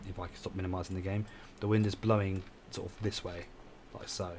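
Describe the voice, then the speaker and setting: A man's voice: low-pitched, little pitch movement, fairly quick, a little mellow, a little hiss or hum. A tired man, rambling and correcting himself as he explains a game he is playing live. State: tired, yawning. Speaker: game streamer. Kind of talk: casual live gameplay commentary.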